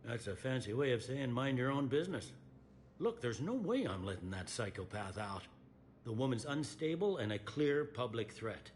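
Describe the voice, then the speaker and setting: An actor playing a blunt, wry, exasperated law officer in a video game. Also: male voice, medium pitch, big pitch swings, normal speed, slight background noise, lightly acted.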